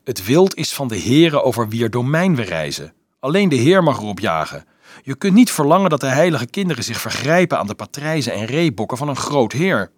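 A man's voice: medium pitch, very animated, a little fast, breathy edge, no echo, clean studio sound, voice pushed up. A man voicing an annoyed, stubborn boy who lectures crossly in an audiobook.

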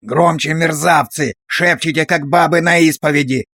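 A man's voice: fairly high pitch, fairly even intonation, moderate pace, fairly bright tone, dry recording, studio quality. A man voicing a harsh, abusive drill sergeant who barks orders and insults at recruits. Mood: barking.

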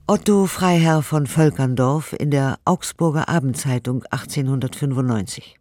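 For a radio play, a man reads old letters and reviews in a formal, articulate, declamatory style. His voice is medium in pitch, a little mellow and moderately paced, recorded dry in a studio production with music.

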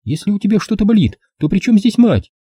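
A man's voice: high voice, lively intonation, quick pace, mellow, breathy edge, no echo, studio quality, voice pushed up. A man voicing a fussy, anxious middle-aged mother who nags her grown son in an audiobook. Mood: fretting. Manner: smothering, nagging. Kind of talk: audiobook character voice.

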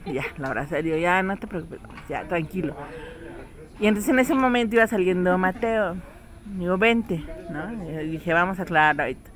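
A woman's voice: lowish voice, expressive, moderate pace. A woman telling a family story in casual chat, acting out the voices of her child and others.

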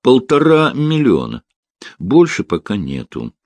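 A man voicing a sly, unflappable male businessman in an audiobook, speaking in a soft, coaxing way. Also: mid-range voice, huge pitch swings, unhurried, no room sound, pitched above the performer's own voice.

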